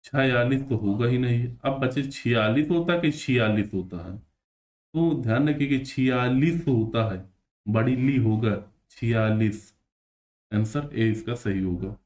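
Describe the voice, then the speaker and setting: A man's voice: medium pitch, darkish tone. Male teacher, exam-prep spelling lesson, patient and repetitive, drags words out syllable by syllable. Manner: explains patiently, repeats words slowly.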